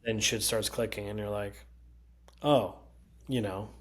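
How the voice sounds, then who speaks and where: A male comedian with a Connecticut accent telling animated, profane stories in casual chat and mimicking other people's voices. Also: lowish voice, fairly quick. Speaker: comedian guest. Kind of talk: casual storytelling.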